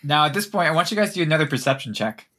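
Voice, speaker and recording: A man's voice: a little high, expressive, racing, sharp tone. A man casually narrating a tabletop game as game master, in an informal way with some swearing.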